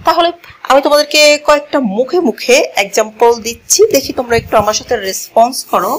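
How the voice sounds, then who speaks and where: A woman teaching a grammar lesson to a class, moving slowly, repeating key words and asking the learners questions as she goes, switching languages mid-sentence. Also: sits high, lively intonation, fairly bright tone, poor audio. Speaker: English teacher. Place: classroom with a board.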